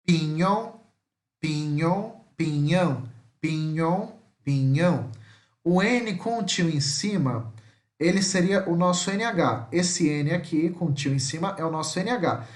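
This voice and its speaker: A Brazilian man teaching a slide-based lesson, patiently repeating each word slowly and checking in with his listeners. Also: sits high, animated, echoey room. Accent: Brazilian Portuguese.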